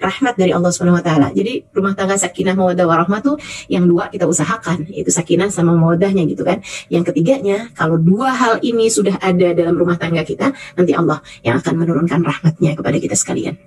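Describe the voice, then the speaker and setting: A woman giving a casual religious talk to women, chatty and lively, acting out the voices in her stories. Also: fairly low pitch, fast talker, slightly rough, rough recording. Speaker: religious speaker addressing women.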